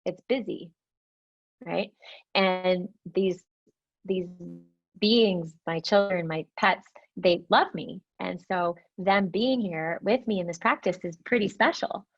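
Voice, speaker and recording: A woman leads a mindfulness class in a low, gravelly voice. She speaks gently and reflectively, often checking in with "right?". The sound is dull and lo-fi, like a video call. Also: slow pace. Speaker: meditation teacher.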